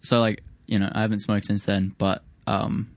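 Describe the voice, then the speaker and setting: A man's voice: on the low side, little pitch movement, moderate pace, gravelly, no echo. A young man with a broad New Zealand accent, chatting casually in a laid-back, slangy, rambling way as a musician guest. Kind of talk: casual chat.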